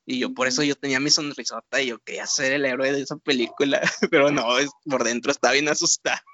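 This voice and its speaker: A man's voice: medium pitch, fast talker. A young man with a Mexican accent, casually telling a story, laughing often and using slang. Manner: laughing, animated retelling with slang. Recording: dull lo-fi sound.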